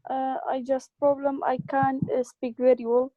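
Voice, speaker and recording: Hesitant high-voiced woman, muffled sound. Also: level tone, normal speed, no echo. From Iraq. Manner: hesitant, broken phrasing. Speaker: language learner. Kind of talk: casual conversation.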